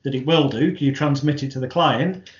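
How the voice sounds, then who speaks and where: A man's voice: medium pitch, normal speed. A man hosting an interview, explaining and commenting in a frank, wordy, emphatic conversational manner. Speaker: interview host, hypnotherapist. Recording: echoey room, dull lo-fi audio.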